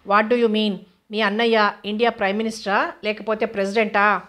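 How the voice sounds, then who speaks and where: A woman's voice: mid-range voice, little pitch movement, normal speed, fairly bright tone, natural voice. A woman reading as a sly, pushy male doctor. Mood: rattled. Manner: mocking, then flustered. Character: sly greedy male small-town doctor.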